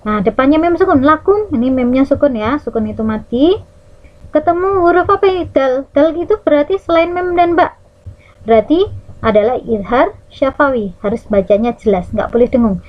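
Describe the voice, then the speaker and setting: Lively Indonesian woman teaching recitation rules. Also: high-pitched, muffled recording. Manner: demonstrates Arabic recitation, stretching words slowly; lively teacherly, checks in with "ya" and "nah". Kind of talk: Quran recitation rules lesson for children.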